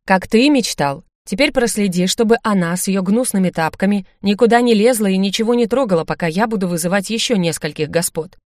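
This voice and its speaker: A woman's voice: mid-range voice, a little fast, hardly any pauses, a little mellow, no echo, studio quality, natural voice. A woman voicing a stern, curt male mage who barks orders and rules. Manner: curt, commanding, barking orders.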